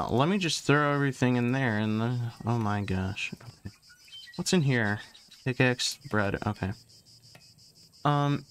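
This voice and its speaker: A man's voice: mid-range voice, a little hiss or hum. Rambling young man narrating his game. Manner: rambling, repeats words while playing. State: recovering from lost voice. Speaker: gaming channel host. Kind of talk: casual let's-play commentary.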